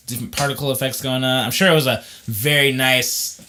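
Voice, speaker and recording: A man's voice: mid-range voice, fairly even intonation, brisk, pushed and bright, a little hiss or hum. A man co-hosting a podcast, going over game news in enthusiastic, blunt casual chat with mild swearing. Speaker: podcast co-host.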